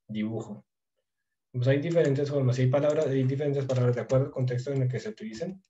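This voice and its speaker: A man teaching a language lesson online, thinking aloud with many fillers and slowly drilling conjugations. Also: medium pitch, dark tone, muffled recording, slight background noise. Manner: slow, drawn-out drilling of conjugations. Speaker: Turkish teacher.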